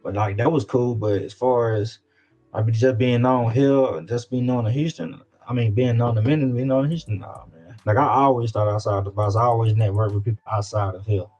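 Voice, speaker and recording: A guest on an interview, this independent musician from Louisiana talks casually with a Southern US accent, slipping into slang and repeating himself for emphasis. His mid-range voice is steady, brisk and a little mellow, with soft music in the background of a dull, lo-fi recording.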